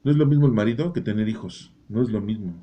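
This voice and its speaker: This man, a Bible teacher, talks fast in a fairly low, warm voice, and the recording is muffled. He walks through a Bible chapter with folksy humor, repeatedly closing his points with a rhetorical "¿no?".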